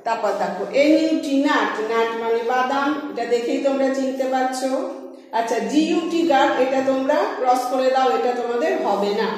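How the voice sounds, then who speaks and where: A woman teacher with a high voice gives a patient classroom lesson, spelling each word letter by letter. The room is very echoey, with a long reverb trailing after her. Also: fairly quick, a little mellow.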